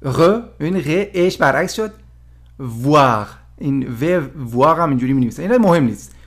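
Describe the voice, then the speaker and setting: A man giving a casual language lesson, explaining pronunciation slowly and repeating each sound aloud. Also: a little high, lively intonation. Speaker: French teacher.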